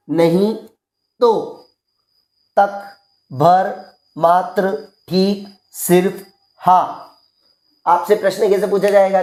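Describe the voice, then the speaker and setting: Mellow-voiced male teacher in an echoey room. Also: high voice. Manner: asks the class questions, then answers them himself; patient, slow, repeating key phrases. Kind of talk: exam-prep grammar lesson. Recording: roomy echo.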